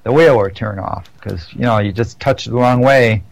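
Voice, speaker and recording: A man's voice: medium pitch, moderate pace, vocal fry, no room sound, low-quality recording. A man chatting casually on a podcast, rambling through stories with many restarts and self-corrections. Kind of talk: casual chat.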